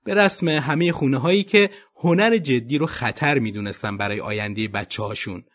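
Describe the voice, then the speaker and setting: A man narrating a documentary podcast episode in an expressive storytelling manner. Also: medium pitch.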